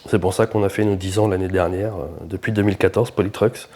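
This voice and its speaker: A man, a shop founder and podcast guest, telling his own story in a lively, informal, first-person way. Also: low-pitched, fast. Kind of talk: casual storytelling interview.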